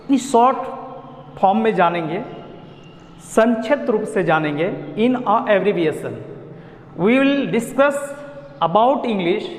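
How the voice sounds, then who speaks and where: A man with a Bihar accent teaching an online lesson, explaining pronunciation slowly and repeating himself. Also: sits high. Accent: Indian, Bihar. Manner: slow, repetitive explaining of pronunciation. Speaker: English teacher. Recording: echoey room with long reverb.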